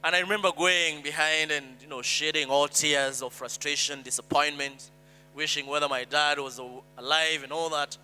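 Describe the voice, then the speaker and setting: A man's voice: fairly high pitch, little pitch movement, moderate pace, pushed and bright, smooth, soft background music. A Kenyan man giving a speech as an earnest personal story, acting out the voices of people he quotes. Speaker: speaker. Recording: hall reverb, mains hum.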